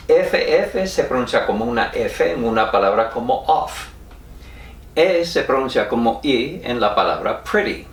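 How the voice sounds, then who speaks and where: A man with an American English accent, his first language, teaching a spelling lesson in Spanish, slowly spelling out letters one by one and chuckling now and then. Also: mid-range voice, a bit bright. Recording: roomy sound from a distance.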